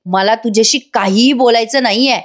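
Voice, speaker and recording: A woman voicing a scheming, sharp-tongued young female villain in a serial recap, with a mocking, taunting manner. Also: fairly high pitch, fairly quick, close to an everyday voice.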